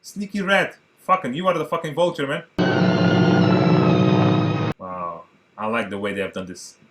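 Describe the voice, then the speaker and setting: Excitable Portuguese man reacting to films. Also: medium pitch, moderate pace, over loud music. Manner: chatty, excitable, addresses viewers as guys. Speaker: movie reaction host. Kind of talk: casual reaction commentary.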